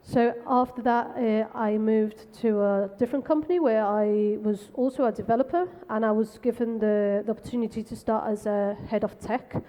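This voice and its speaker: A woman from the Canary Islands in Spain, speaking on a tech panel in a brisk, frank, self-deprecating way. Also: a little high, fairly even intonation, mellow. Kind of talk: conversational panel talk. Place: conference stage. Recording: long hall reverb.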